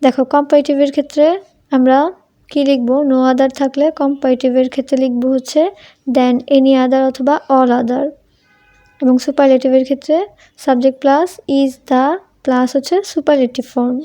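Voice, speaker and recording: This young woman's high-pitched, warm voice stays flat at a normal speed as she runs a Bengali grammar lesson on English. Speaking to students informally as tumi, she raises questions and answers them herself.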